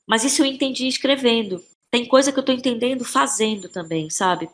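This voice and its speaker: Speaking in a fairly high voice, a woman with a Brazilian Portuguese accent appears as a podcast guest discussing her work as a playwright and actress. Her manner is relaxed and thoughtful but halting, full of word-searching, repeated phrases, and tag questions.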